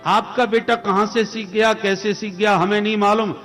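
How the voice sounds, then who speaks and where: A man's voice: high voice, steady tone, normal speed, a bit bright, long reverb tail, faint music behind, pitched above the performer's own voice. A man voicing a frightened male schoolteacher pleading and excusing himself before a king. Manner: pleading, defensive.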